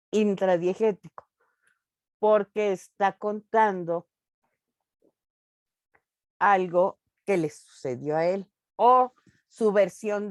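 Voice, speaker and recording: Slow-talking teacher, woman. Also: mid-range voice, smooth, no echo. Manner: slow, explanatory, with fillers. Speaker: literature teacher. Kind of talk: online class discussion.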